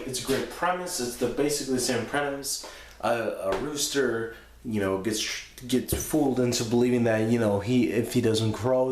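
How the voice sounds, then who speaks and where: A man giving a casual, unscripted movie review, sounding drunk, crude and rambling as he loses his thread. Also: mid-range voice. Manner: crude, profane. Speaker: host of a movie review show. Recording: echoey room with background noise.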